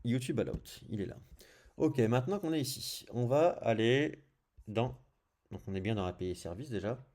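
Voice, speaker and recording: A man's voice: mid-range voice, lively intonation, moderate pace, darkish tone. A man with a French accent giving a casual screencast coding tutorial, thinking aloud as he clicks through settings and saying little fillers like "hop" as he goes. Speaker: programming tutorial host.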